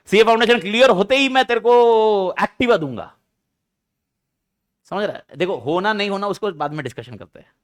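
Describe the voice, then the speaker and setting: Lively high-voiced Indian male lecturer. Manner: lively, acts out students and parents in mock dialogue. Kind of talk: classroom lecture.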